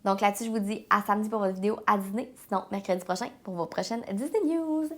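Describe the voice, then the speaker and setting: A woman's voice: mid-range voice, quick pace, a little hiss or hum. A woman with a Quebec French accent hosting a casual news vlog, sounding nasal and stuffed up with a head cold, speaking informally and hesitantly. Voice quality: nasal, congested. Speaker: host of a weekly theme park news vlog. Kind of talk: casual news update to viewers.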